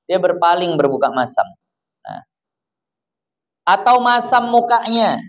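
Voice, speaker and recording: A man from Indonesia with a Medan accent, giving a chatty, informal religious lecture to a congregation. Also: highs cut off. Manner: chatty, acts out quoted spouses in a lowered voice. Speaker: religious teacher. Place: study gathering hall.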